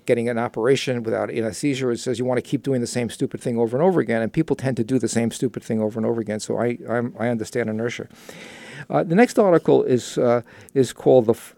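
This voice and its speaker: A man with a gravelly, creaky voice and a dark, mellow tone co-hosts a finance talk show. He talks through articles conversationally, stumbling now and then over fillers and restarts. The sound is dry and close. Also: mid-range voice, dry recording. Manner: halting, with many fillers and restarts. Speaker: co-host of a personal finance show. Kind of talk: conversational discussion of news articles.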